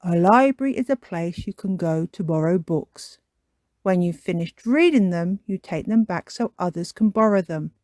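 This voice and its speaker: A woman's voice: lowish voice, lively intonation, normal speed, darkish tone, no room sound, studio quality, close to an everyday voice. Woman doing a patient, slightly pompous daddy pig. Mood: explaining. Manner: patient, explaining. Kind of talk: children's storybook character voice.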